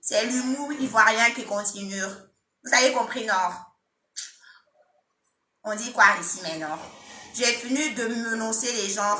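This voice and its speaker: Bright, teasing Ivorian woman streaming live. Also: a little high, a little slow, long pauses, reverberant. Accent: Ivorian French. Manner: teasing, scolds commenters playfully. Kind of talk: casual live-stream chat.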